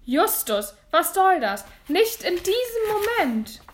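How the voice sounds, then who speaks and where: A flustered middle-aged auctioneer , put on by a woman reader, calls out bids in a loud, eager voice. It is a storybook audiobook scene, with the figure's voice pitched a little high. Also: normal speed, slight background noise, close to an everyday voice. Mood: agitated.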